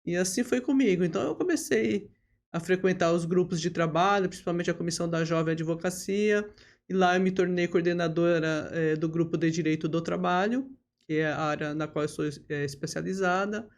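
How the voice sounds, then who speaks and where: A gravelly-voiced São woman in her fifties from Brazil speaks as a podcast guest, a lawyer and bar association leader telling stories in a relaxed interview. Her voice is lowish and brisk. She remains steady, with frequent tag questions and hesitation fillers.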